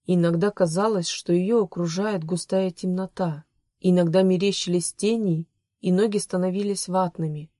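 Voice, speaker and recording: A woman reads a story aloud in a soft, measured way. Her voice sits a little low and sounds mellow and warm. The recording is dry and close, with no room sound. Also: steady tone, no echo. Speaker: audiobook narrator. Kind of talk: scripted narration.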